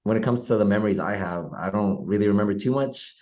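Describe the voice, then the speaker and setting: A man's voice: lowish voice, fast, a little mellow. A young man in his twenties from Oklahoma, a guest in a casual video-call interview, friendly and easygoing with many fillers. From Oklahoma, USA. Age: young adult. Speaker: guest, politician. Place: bedroom at home.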